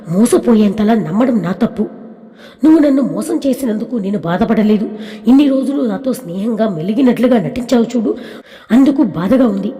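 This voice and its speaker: A wounded young woman student speaks firmly and with reproach in a storybook tale, as a woman narrator puts her on. The voice is fairly high and mellow. A long hall reverb follows each line. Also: natural voice. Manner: reproachful, firm.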